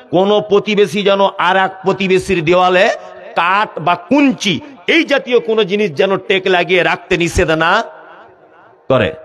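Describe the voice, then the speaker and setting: A man preaching a Bengali waz sermon in a West Bengal accent, fiery, mocking, and rising to shouts. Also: sits high.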